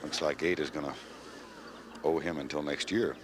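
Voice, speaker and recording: Male golf commentator, very deep voice, clipped measured phrases, faint noise behind. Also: fairly even intonation.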